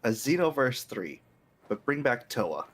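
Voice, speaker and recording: A man with a medium-pitched voice talks over gameplay. He speaks casually, as a co-commentator in an informal chat. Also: sing-song, unhurried, husky. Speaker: gaming co-commentator.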